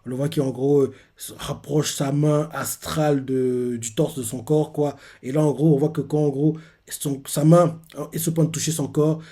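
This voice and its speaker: A man's voice: fairly high pitch, little pitch movement, normal speed, warm tone, husky. A man casually retelling manga chapters and reacting to them, talking in loose rambles full of fillers.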